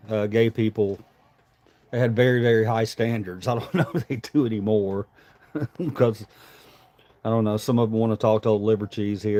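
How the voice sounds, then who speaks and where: A man with a low, dark-toned voice chats casually as a livestream host. He rambles informally and swears some, talking around a dip of tobacco in his lip.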